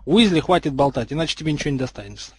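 A man's voice: fairly high pitch, animated, very fast, a little mellow, lightly acted. A man doing a snobbish sneering schoolboy. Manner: sneering, sarcastic.

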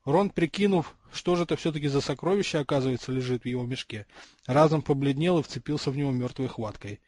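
A man reading a fantasy audiobook aloud, with steady, expressive storytelling. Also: medium pitch, fast talker, no room sound. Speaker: audiobook reader. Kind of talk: audiobook narration.

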